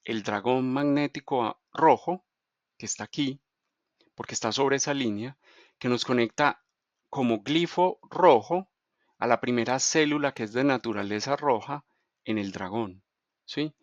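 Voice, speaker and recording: A middle-aged man giving an explanatory lesson at a board, speaking in a measured way and often checking in with his listeners. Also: medium pitch, no room sound, muffled recording. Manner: measured, checks in with frequent rhetorical questions. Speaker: teacher of Mayan calendar.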